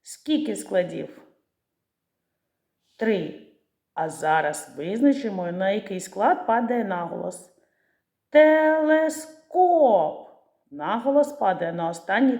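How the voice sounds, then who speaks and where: A woman teacher giving a literacy lesson to young children, pronouncing words slowly and stretching out the syllables. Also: lowish voice, animated, a little mellow. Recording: echoey room.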